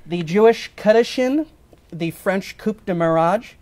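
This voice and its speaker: A man's voice: high-pitched, measured pace, a little mellow. A man officiating an informal wedding, explaining the ceremony in a wry way. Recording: live ceremony with faint ambient noise.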